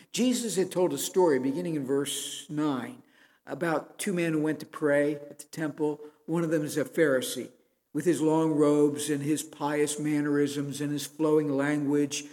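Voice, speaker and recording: A man's voice: a little high, moderate pace, a little mellow, big-room sound. A man preaching a sermon as pastor, earnest and building to emphatic pleas.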